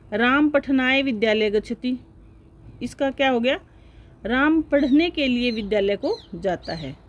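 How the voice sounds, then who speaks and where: A woman teaching a lecture to exam students, explaining step by step and often pausing to check with her listeners. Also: on the high side, darkish tone, lo-fi sound, a little hiss or hum.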